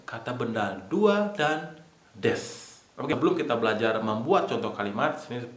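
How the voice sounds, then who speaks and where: A man's voice: mid-range voice, a bit bright. Male teacher in an echoey room. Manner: repetitive, explains slowly step by step. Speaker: Japanese language teacher. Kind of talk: casual online lesson.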